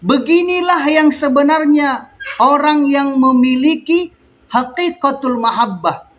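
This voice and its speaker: A man's voice: extremely high pitch, animated, unhurried, fairly bright tone. A man preaching a storytelling sermon, dramatic and drawn out, with frequent Arabic pious phrases.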